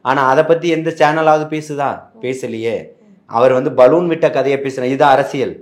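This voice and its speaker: A man from answering questions as a party spokesman in a heated interview, combative and full of rhetorical questions that build into impassioned shouting. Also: mid-range voice, normal speed, reverberant.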